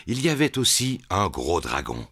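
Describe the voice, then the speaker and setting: A man voices a good-natured, boastful daddy pig in a French children's cartoon, telling a jovial story with bluster and turning hesitant when caught out. His deep, slightly bright voice is heavily acted, with huge pitch swings at normal speed and slight background noise.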